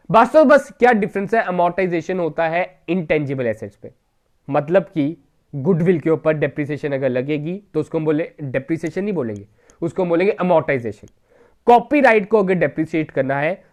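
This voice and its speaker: A male coaching teacher, giving an exam revision lecture in Hindi mixed with English terms, asking and answering his own questions. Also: a little high. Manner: keeps checking in with "theek hai?".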